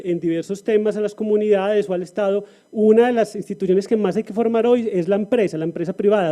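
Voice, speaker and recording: A man with a high-pitched yet very dark, mellow voice speaks as a panelist. He talks in a reflective way, often restarting phrases and pausing on fillers. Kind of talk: panel discussion talk.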